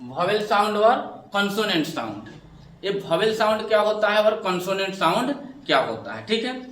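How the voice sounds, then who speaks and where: His high, sing-song voice is a bit bright and moves at normal speed, with a slight hiss or hum in the recording. He walks students, whom he calls "babu," through an English grammar lesson, asking and answering his own questions, heard from afar in an echoing room.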